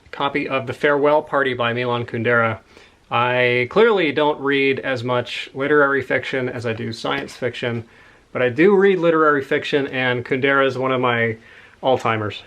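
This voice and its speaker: Guy chatting about his book haul, rambly and excited, kinda winded, medium voice. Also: medium pitch, moderate pace. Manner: rambling, enthusiastic, with asides. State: slightly out of breath. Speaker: book collector showing a haul. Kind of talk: casual chat.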